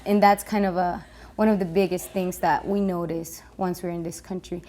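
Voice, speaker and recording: Young woman interviewee, low and monotone, halting delivery. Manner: hesitant, many "um" and restarts. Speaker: international student. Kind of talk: interview testimony.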